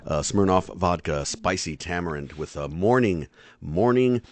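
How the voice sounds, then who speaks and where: Male podcast co-host, deep and lively, loose and joking, dry close sound. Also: unhurried, dry recording. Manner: laid-back, rambling, joking. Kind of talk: casual podcast banter.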